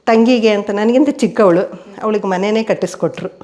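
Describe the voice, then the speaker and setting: A woman's voice: medium pitch, moderate pace. An older woman, telling family stories at home as an interviewee. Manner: steady storyteller who voices quoted people. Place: indoors at home.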